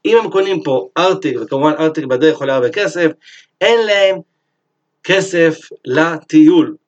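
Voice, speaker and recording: A man teaching a Torah lesson, telling a story in a lively sermon style and acting out its characters. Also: fairly high pitch, highs cut off.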